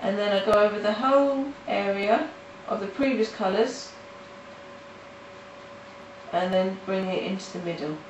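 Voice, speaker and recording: An art tutorial host, a woman whose mid-range voice is nasal from hay fever, talks casually through coloring steps at her countryside home, halting with restarts and fillers. The sound is lo-fi and roomy, from a distant mic, with faint noise.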